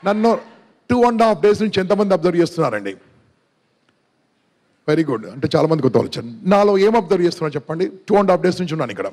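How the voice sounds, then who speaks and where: Middle-aged male motivational speaker, high voice, energetic, keeps quizzing the crowd. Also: racing. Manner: energetic, questions the audience, mixes in English. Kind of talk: motivational seminar talk.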